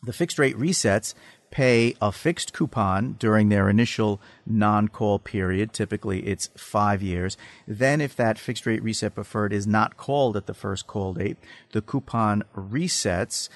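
A man with a fairly low voice gives technical market commentary as an analyst. He explains in a measured, somewhat hesitant way, and the studio sound is dry. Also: no echo. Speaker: financial research analyst guest.

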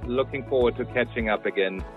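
A man's voice: medium pitch, fairly quick, faint music behind. Man speaking over a tinny phone line. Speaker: podcast guest, investment strategist. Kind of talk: prepared remarks read aloud.

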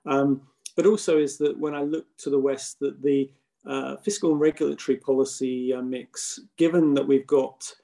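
Mellow, even-toned man explaining as a guest. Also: medium pitch, gravelly. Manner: hesitant, measured explaining with long winding sentences. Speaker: guest investment expert. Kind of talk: podcast interview commentary.

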